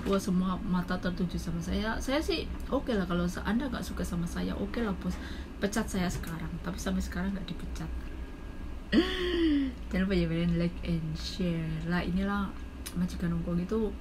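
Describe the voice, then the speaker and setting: An Indonesian woman in her thirties with a Javanese accent, telling a personal story in a casual vlog, animated and acting out the people she quotes. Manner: animated, jumps into high-pitched quoted voices. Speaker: domestic worker vlogger. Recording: noisy background.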